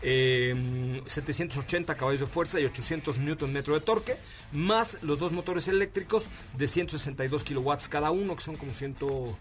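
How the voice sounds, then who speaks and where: Here a fairly high-pitched, slightly bright male voice with a Mexican Spanish accent runs a radio car show. The talk is casual and eager, loaded with jokes, slang, and frequent fillers.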